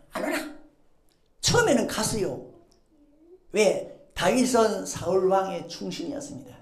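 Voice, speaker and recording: A woman's voice: on the low side, warm tone. A woman pastor delivering a sermon in a church, emphatic and throwing rhetorical questions to the congregation. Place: church sanctuary. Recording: echoey church sanctuary.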